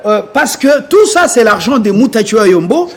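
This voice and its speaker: Male TV moderator, firm, keeps order, high, animated voice. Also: normal speed. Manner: firm, cuts in to keep order. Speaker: TV debate host. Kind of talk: moderating a televised debate.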